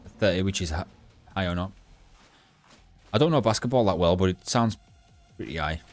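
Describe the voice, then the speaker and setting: A young man streaming a game, chatting bluntly and rambling with halting restarts to his live chat. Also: low-pitched, lively intonation, faint music behind. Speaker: gaming livestreamer.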